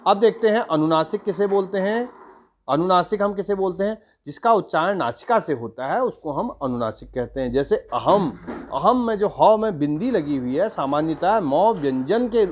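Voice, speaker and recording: A man's voice: sits high, expressive, normal speed, darkish tone, slight background noise. A man with a slightly raised voice teaches grammar to schoolchildren in an Uttarakhand Hindi accent. He explains step by step, drawing out sounds and chanting his examples. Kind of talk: grammar lesson for school students.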